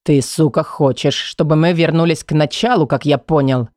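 Female reader voicing a vicious, commanding young man, low growl, close dry mic. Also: fairly even intonation, moderate pace, darkish tone, no room sound, close to an everyday voice. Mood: menacing. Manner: snarling, threatening, low menacing whisper. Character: cruel menacing young man, domineering and vulgar.

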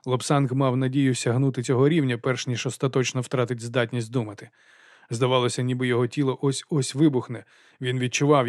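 A man with a mid-range voice reads an audiobook in steady, measured scripted narration. The sound is clean studio audio with no room sound.

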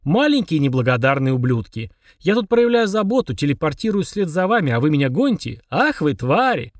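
A man voicing a rude, insolent male infant demon with a booming bass voice, speaking scornfully. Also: fairly quick, dry recording, clean studio sound, lightly acted. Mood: offended. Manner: scornful, insulting.

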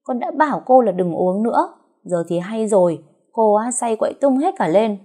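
A woman's voice: medium pitch, moderate pace, warm tone, natural voice. A woman voicing an anxious young servant girl who pleads and frets. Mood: fretful. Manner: pleading, fretful.

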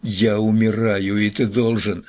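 A man voicing a dying, overweight man who wheezes and pleads in a hoarse, husky voice while coughing up blood. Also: on the low side, level tone, unhurried, a little mellow, lightly acted. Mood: desperate.

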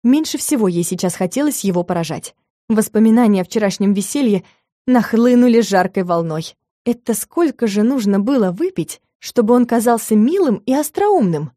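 A woman reading an audiobook in a steady, expressive storytelling manner. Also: on the high side, normal speed, no echo, studio quality. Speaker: audiobook narrator. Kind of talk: scripted narration of a romance novel.

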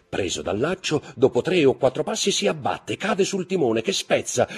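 A man reading a classic novel aloud in expressive, dramatic narration that swings in pace and volume. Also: lowish voice, slightly rough. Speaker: audiobook reader.

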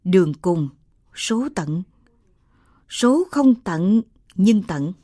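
A woman's voice: fairly low pitch, lively intonation, extremely slow, mellow, no echo, studio quality, full character voice. A woman voicing a young ghost soldier who reads palms, speaking in a cold, clipped, ominous way. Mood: cryptic.

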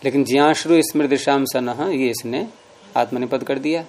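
A man gives a patient classroom lesson at a middle pitch. He repeats each form carefully before explaining the rule. A faint hiss sits under his voice. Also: a little mellow. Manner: patient, repeats forms slowly and explains step by step. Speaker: Sanskrit grammar teacher.

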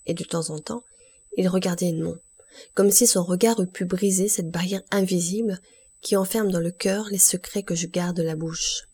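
A woman narrating a classic novel as an audiobook in a measured, expressive reading. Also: on the low side, slightly rough. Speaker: audiobook reader.

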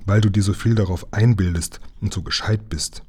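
A man's voice: on the low side, fairly even intonation, normal speed, darkish tone, husky. A man reading a storybook aloud, voicing a brave, slightly boastful young boy who talks firmly.

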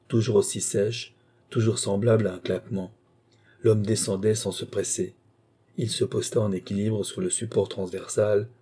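Brief: male audiobook narrator, measured delivery, very dark and husky. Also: fairly low pitch. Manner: calm, measured storytelling.

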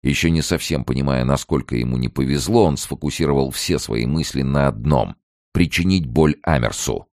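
Very deep gravelly male narrator. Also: moderate pace, a little mellow, dry recording, studio quality. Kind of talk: audiobook narration.

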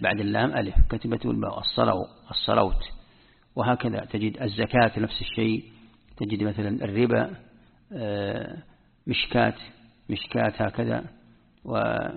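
A man's voice: mid-range voice, vocal fry, slightly rough. A man giving a patient spoken lesson as an Islamic scholar, repeating key words as he explains. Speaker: Islamic scholar teaching Quran script rules. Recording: tinny phone-like audio in a reverberant hall.

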